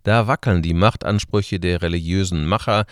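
Man, radio preacher, lively colloquial sermon, lowish voice, dry sound. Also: normal speed, no echo. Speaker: preacher and radio worship host.

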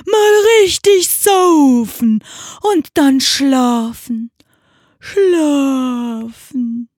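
A woman voicing a loud, simple male ox who wants to drink and sleep in a storybook fable. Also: high-pitched, lively intonation, no room sound, clean studio sound, voice pushed up, exaggerated voice. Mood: boozy. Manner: loud, drawn-out bellowing.

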